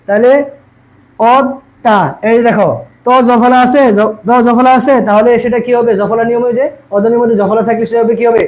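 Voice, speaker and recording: A young male teacher with a very high voice. He walks through each rule step by step and asks his students questions that he answers himself. He says each word slowly, over and over. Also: flat delivery, a little mellow, low-quality recording. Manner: repeats words slowly to drill pronunciation. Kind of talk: exam-prep lesson.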